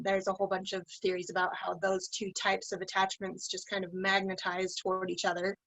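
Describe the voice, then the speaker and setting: Gravelly-voiced woman in a dry room. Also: medium pitch, a bit bright, no room sound, low-quality recording. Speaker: panel guest. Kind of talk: personal testimony.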